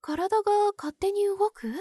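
A woman voicing a pure young nun who is sweetly possessive and obsessive, in a soft, polite ASMR role-play. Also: very high-pitched, expressive, no echo, clean studio sound. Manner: polite, soft, demure, lingering pauses.

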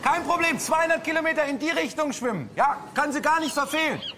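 An excitable, clueless cruise passenger, played by a male comedian, full of eager exclamations. His voice is strikingly high, with faint stage noise around it. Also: fast talker, full character voice. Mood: excited.

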